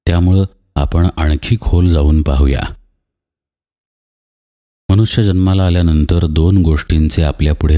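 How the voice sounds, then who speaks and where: Man, spiritual teacher; very low, dark voice; patient, example-driven discourse in a reverberant hall. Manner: patient explaining with everyday examples and rhetorical questions.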